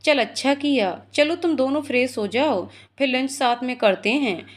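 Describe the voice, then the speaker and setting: A woman voicing an affectionate middle-aged mother who gently scolds her son. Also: sits high, moderate pace. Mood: fond. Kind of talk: storytelling dialogue.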